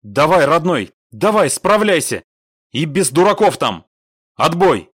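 A gruff, short-tempered army major, barking forceful orders, as a male narrator puts him on. His voice is raised and hard. The sound is dry and close. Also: a little high, sing-song, measured pace, no echo, pitched above the performer's own voice, full character voice. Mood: stern.

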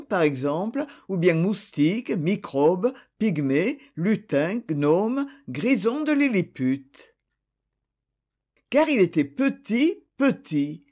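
A narrator reading a children's storybook aloud in a measured, expressive way. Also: mid-range voice. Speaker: audiobook narrator.

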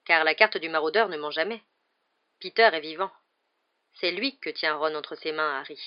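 A woman voicing a calm, earnest male teacher who explains patiently, in a storybook reading. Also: sits low, moderate pace, dull audio, close to an everyday voice.

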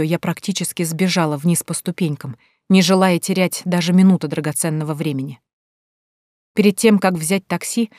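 Brief: a woman with a fairly low voice reading a first-person story, dry booth sound. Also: a little mellow, no room sound. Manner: emotional, pleading in dialogue. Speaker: audiobook narrator. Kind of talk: first-person audiobook narration.

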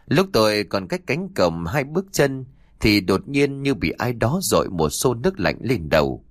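A man narrating a horror audiobook in a slow, dramatic storytelling manner. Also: low voice, no echo, studio quality.

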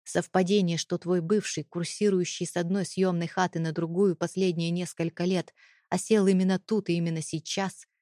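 A woman voicing a cold, threatening husband in an audiobook, speaking in low hissed threats. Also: little pitch movement, normal speed, warm tone, no echo, clean studio sound, lightly acted. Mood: menacing.

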